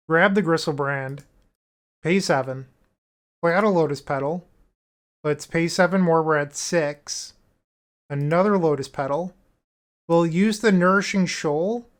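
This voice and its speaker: A man giving casual commentary on his own card game matches, thinking aloud through each play in an upbeat, wry way. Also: a little high. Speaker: gameplay commentator.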